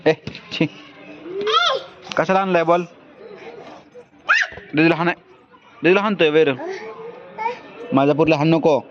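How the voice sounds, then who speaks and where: A woman's voice: low voice, unhurried, pauses often, over a noisy crowd. A woman talking casually with her small children in a home vlog, alternately scolding and coaxing them. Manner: scolding, coaxing, fussing over small kids. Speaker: family vlogger, parent. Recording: dull lo-fi sound with loud outdoor noise.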